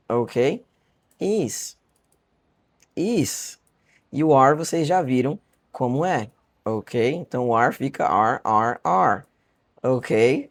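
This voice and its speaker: A Brazilian man with a Brazilian Portuguese accent, teaching a beginner lesson online in a chatty, encouraging way and repeating words slowly for practice. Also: mid-range voice. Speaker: English teacher. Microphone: webcam or camera facing him.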